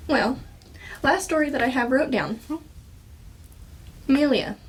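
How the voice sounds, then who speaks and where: A woman hosting a casual podcast, telling animated stories about her kids. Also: sits high, a little slow, breathy edge. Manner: animated, laughing storytelling. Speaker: podcast host, mother.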